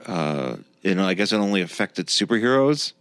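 A man hosting a podcast, casually explaining comic books in a halting, rambling way. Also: deep voice, very animated, fairly bright tone, smooth, no room sound. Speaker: podcast host.

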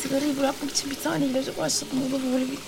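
An actress playing a weary, irritable older sister who talks in a brusque, exasperated way. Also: female voice, high-pitched, little pitch movement, rapid-fire, vocal fry, very noisy. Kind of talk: audio drama acting.

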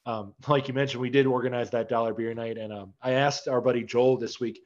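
A man's voice: mid-range voice, fairly even intonation, brisk, darkish tone. Casting: young man, podcast host, easygoing rambler, slightly muffled lo-fi sound. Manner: laid-back, filler-heavy rambling. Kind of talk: casual sports chat. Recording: slightly dull lo-fi audio.

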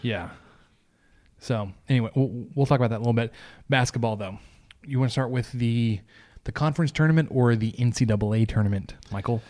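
A man from Texas with a gentle giant voice, hosting a sports podcast in a loose, informal, conversational way. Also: medium pitch, a little fast. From Texas, United States. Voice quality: gentle giant voice, soft and big. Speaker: podcast host. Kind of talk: casual sports podcast chat.

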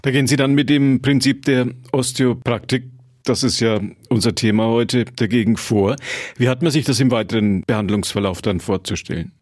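A man's voice: medium pitch, normal speed, a little mellow, no echo, clean studio sound. A man hosting a podcast interview, asking his guest courteous questions.

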